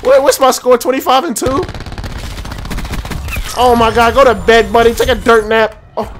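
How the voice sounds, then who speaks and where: A young man giving excitable, trash-talking commentary over his own gameplay, often laughing. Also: very high voice, moderate pace, a little hiss or hum. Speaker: gaming YouTuber. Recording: faint game gunfire behind. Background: gunfire.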